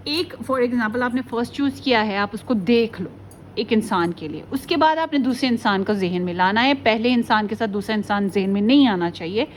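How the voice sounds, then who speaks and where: A woman's voice: fairly high pitch, slight background noise. A woman tarot reader talking casually to her viewers, chatty and often slipping in English phrases. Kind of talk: casual pick-a-card tarot video.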